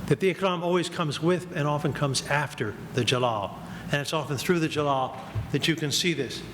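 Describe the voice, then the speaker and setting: An older male guest lecturer speaking in a measured, reflective way, with gentle humor, giving a lecture and taking questions. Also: on the high side. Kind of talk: academic lecture and Q&A. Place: lecture hall. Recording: echoey hall with ambient noise.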